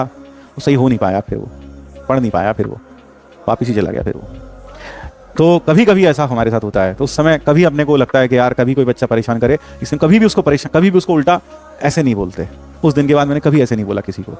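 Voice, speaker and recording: A man's voice: a little high, a little mellow. A man, a teacher, telling his students a story in an earnest, moralizing way.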